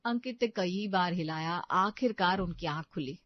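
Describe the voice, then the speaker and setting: Expressive woman storyteller, dry sound. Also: fairly low pitch, unhurried, dry recording, lo-fi sound. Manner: lively and expressive. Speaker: narrator. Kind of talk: storybook narration.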